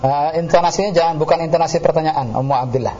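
A man's voice: on the high side, fast talker, mellow, a little hiss or hum. A man teaching Arabic grammar on a radio call-in show, explaining patiently step by step and correcting callers. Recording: muffled radio broadcast.

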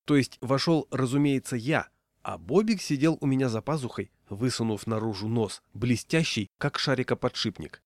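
A man narrating a comic short story in the first person, wry and deadpan. His voice sits at an ordinary middle pitch. The recording is close and dry, with no room sound. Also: moderate pace, no echo. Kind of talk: humorous story reading.

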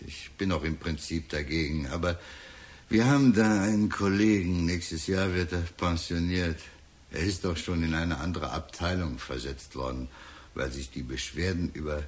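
In a German radio drama, a male actor with a low voice plays a talkative, sly police detective. His delivery is deliberate and insinuating, full of falsely sympathetic musing.

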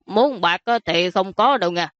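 A woman voicing a vain, plump older prince who grumbles in a slow, huffy way. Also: mid-range voice, fairly bright tone, dry recording, lo-fi sound, lightly acted. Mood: grumpy.

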